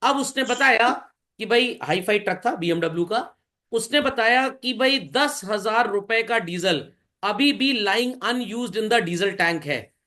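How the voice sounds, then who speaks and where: In this classroom lecture on accounts, a man speaks slowly in a high, animated, pushed and bright voice. He quizzes his students and supplies the answers himself, switching between Hindi and English and addressing them as bhai and children.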